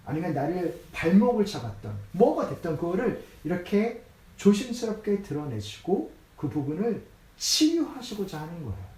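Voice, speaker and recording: Animated male pastor preaching. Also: a little high. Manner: conversational, acts out scripture quotes. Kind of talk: sermon. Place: church sanctuary. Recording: echoey church room, mic from a distance.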